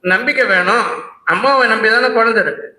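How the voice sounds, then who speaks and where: A man's voice: very high voice, brisk, sharp tone, roomy sound, poor audio. A man giving a devotional discourse at a religious conference, telling a sacred story and breaking into rhythmic hymn recitation. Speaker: Saivite religious speaker. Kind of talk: devotional discourse with chanted hymns. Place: conference hall.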